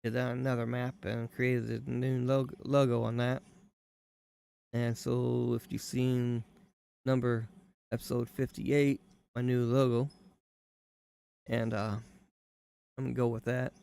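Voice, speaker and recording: A man's voice: medium pitch, little pitch movement, unhurried, creaky, long pauses, a little mellow, clear, resonant tone. A man, rambling folksy commentary while live-streaming a game. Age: 30s. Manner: rambling, folksy, drifting mid-sentence. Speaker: live-stream gaming host.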